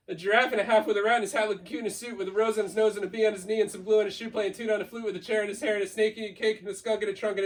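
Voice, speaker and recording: A high-pitched man, a member of school staff, reads a children's picture book aloud in a playful, theatrical way, stretching out key words and racing through heaped-up lists. The mic sits at a distance.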